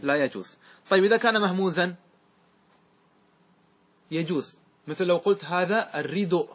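Male grammar teacher, slightly high, husky voice, recites verse and answers his own questions. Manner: asks the class questions and answers them himself, recites verse slowly. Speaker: sheikh teaching Arabic grammar. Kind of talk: classroom lesson on a grammar poem.

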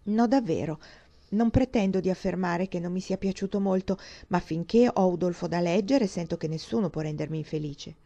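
An innocent, excitable young woman, voiced by a woman reader in a dramatized audiobook, bursting with eager, breathless exclamations. Her tone is dark and mellow. The reading is calm and steady. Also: lowish voice, a little fast, no room sound, dull audio.

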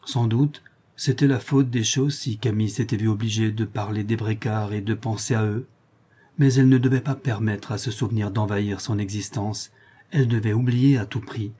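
Male audiobook narrator, measured literary reading, dark and husky. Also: lowish voice, steady tone.

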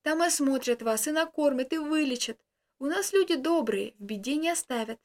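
A woman voicing a kindly old village grandmother with a hoarse voice, fussing and soothing. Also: sits high, expressive, normal speed.

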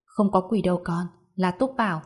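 A woman voicing a calm steady father. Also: on the low side, moderate pace, breathy edge. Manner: calm, instructing.

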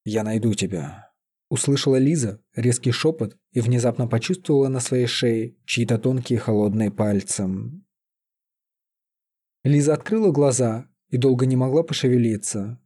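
A man calmly reading a fantasy story aloud as an audiobook narrator. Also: medium pitch, moderate pace, slightly rough. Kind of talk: scripted narration.

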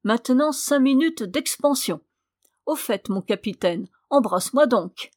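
Gruff male doctor, read by a woman, brusque, bantering, storybook reading, dry recording. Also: on the high side, expressive, measured pace, darkish tone, dry recording.

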